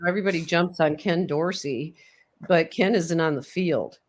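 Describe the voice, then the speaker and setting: A woman with a fairly low voice hosts a laid-back sports chat, analyzing the game in a steady, measured way.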